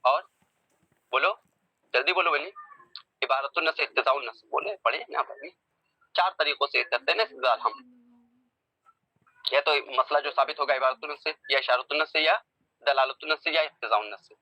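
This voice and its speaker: A man's voice: on the high side, moderate pace, pauses often, no echo, highs cut off. A man teaching a religious text to a class, who keeps asking whether his students have understood and coaxes them to answer. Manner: keeps checking understanding with rhetorical questions; coaxing, prods students to answer. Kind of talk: classroom lecture on theology.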